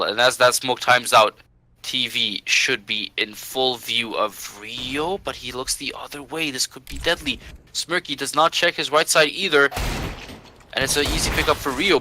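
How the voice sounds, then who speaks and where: A man doing live play-by-play as an esports caster, excitable and building suspense as the action unfolds. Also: medium pitch, poor audio.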